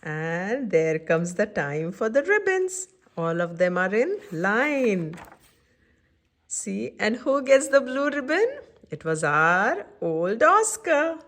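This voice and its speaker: Slow and full of lively pitch changes, a woman reads a picture book to young listeners as a story-time host. She weaves in easy side comments and repeatedly checks whether the children are keeping track.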